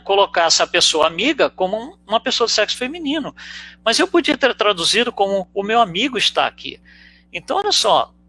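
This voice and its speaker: Lively high-voiced Brazilian man lecturing. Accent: Brazilian Portuguese. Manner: explains with rhetorical questions and frequent "né". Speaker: spiritist lecturer. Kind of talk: conversational teaching talk.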